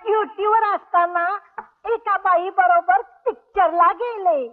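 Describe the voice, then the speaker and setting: A sly tattling clerk, high and slow. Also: female voice. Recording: tinny old film soundtrack.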